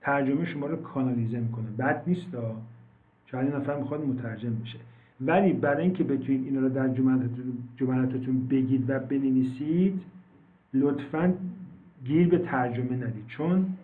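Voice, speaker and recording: A man teaching an online English class, explaining words slowly and repeating them, with many fillers. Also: mid-range voice. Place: online video call. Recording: tinny phone-like call audio, echoey.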